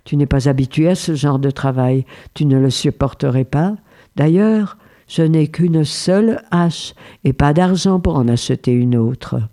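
A poor old woodcutter father from a storybook, read by a man, scolding his son. The voice is mellow and a little raised in pitch, and the tone is fatherly and anxious. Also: measured pace.

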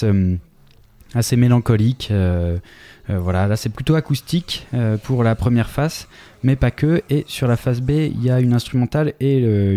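A man's voice: mid-range voice, warm tone, no echo. A man hosting a music radio show, talking casually with many hesitations and self-corrections.

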